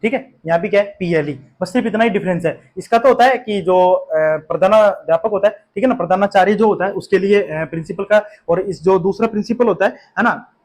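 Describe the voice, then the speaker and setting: A man's voice: high-pitched, fairly quick, few pauses, a little mellow. A man teaching English vocabulary for an exam, explaining in a patient, repetitive way with frequent fillers and check-in questions, and an Indian English accent. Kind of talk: exam-prep vocabulary lesson.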